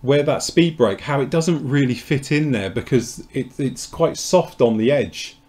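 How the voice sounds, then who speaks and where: A man's voice: mid-range voice, measured pace, darkish tone. Guy hosting a model kit livestream, casual and rambly, middle of the road voice. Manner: chatty, rambling, explains as he goes. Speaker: host of a model-kit live show. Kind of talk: casual live-stream chat.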